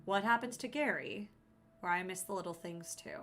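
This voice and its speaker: A woman's voice: fairly low pitch, moderate pace. A young adult woman streaming a video game, reading its text aloud and chatting playfully with viewers. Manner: chatty and playful, jumps to loud startled exclamations. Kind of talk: casual let's-play commentary, reading game text aloud. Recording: game music playing underneath.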